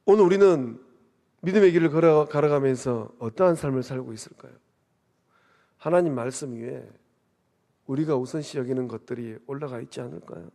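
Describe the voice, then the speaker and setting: A man's voice: mid-range voice, a little fast, creaky, mellow. A man preaching a sermon as a pastor, asking rhetorical questions and swelling up to emphasize his points. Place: church sanctuary. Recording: long reverb of a church hall.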